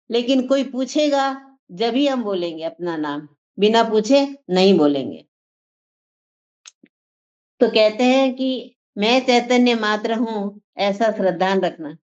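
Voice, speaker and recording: A woman giving a spiritual discourse to a class, speaking earnestly and circling back over the same phrases as she teaches. Her voice sits at a middle pitch. The recording sounds muffled and lo-fi. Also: darkish tone. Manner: earnest, repetitive teaching cadence. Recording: dull lo-fi sound.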